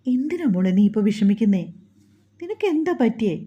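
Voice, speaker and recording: A woman's voice: fairly high pitch, sing-song, a little fast, warm tone, dull audio. A woman voicing a caring older female helper who chides fondly and asks many questions. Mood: worried.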